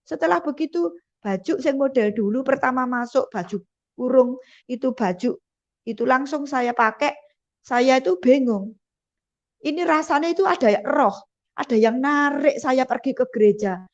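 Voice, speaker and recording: A woman tells her personal testimony in a fairly high voice. She speaks earnestly and vividly and repeats phrases for emphasis. The recording sounds dull and lo-fi.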